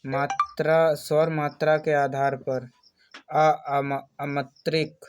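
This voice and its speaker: A man's voice: a little high, flat delivery, faint music behind. A man teaching an exam-prep lesson, reading out terms one at a time in a list-like way. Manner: slow, list-like delivery of terms.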